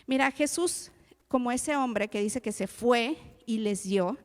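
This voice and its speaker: A woman delivers a sermon in a warm, chatty preaching style, turning to her listeners with questions. Her voice is slightly high. A long reverb trails every phrase, as in a large hall. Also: a little slow. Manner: conversational, addresses listeners directly with tag questions.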